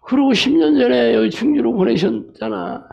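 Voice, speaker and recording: Male pastor preaching, emphatic and anecdotal, gravelly voice with a wide, swinging pitch. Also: huge pitch swings, moderate pace, darkish tone, lo-fi sound. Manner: emphatic, frequent rhetorical "eh?" tags; tells jokes and anecdotes. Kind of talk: sermon.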